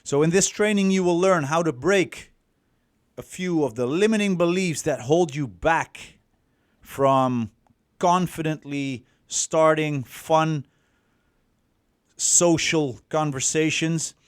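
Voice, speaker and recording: Speaking slowly in a fairly high, clean voice, this dating coach from the Netherlands, whose first language is Dutch and who has a Dutch accent, rambles through a casual, profane livestream coaching talk packed with fillers and restarts. The studio-quality recording has no echo.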